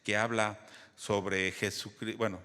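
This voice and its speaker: A man's voice: on the low side, level tone, slow pace, bright, forceful tone, big-room sound. A man preaching a sermon, teaching in a conversational way and often asking the congregation questions. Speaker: pastor.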